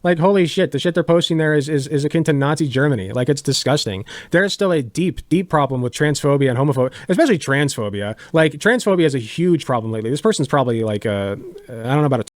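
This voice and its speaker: A man's voice: a little high, lively intonation, quick pace, hardly any pauses, no room sound. A man in his thirties giving casual reaction commentary as a streamer at home, close on the mic. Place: small room at home.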